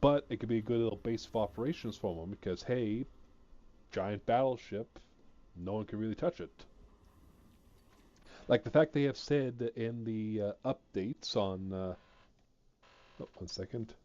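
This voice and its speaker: A man's voice: on the low side, measured pace, pauses often, mellow, muffled recording. A man chatting casually on a gaming stream, rambling and hesitant, full of fillers, sounding a bit sleepy. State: sleepy, yawning.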